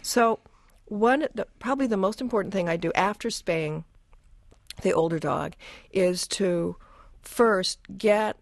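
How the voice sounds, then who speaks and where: A woman co-hosting a call-in radio pet show, giving lively behavior advice and laughing easily as she acts out scenes. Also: medium pitch, unhurried, gravelly, no room sound. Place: radio studio.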